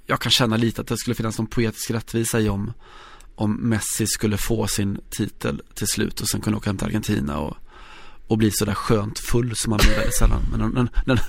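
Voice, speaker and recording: A man co-hosting a podcast in casual chat, talking in a measured, reflective and analytical way. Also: fairly low pitch, vocal fry. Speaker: podcast co-host.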